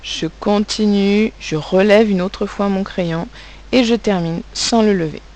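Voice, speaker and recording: A woman's voice: medium pitch, measured pace, darkish tone. A woman teaching young children spelling and handwriting, speaking patiently and spelling out letters and sounds, with a French accent.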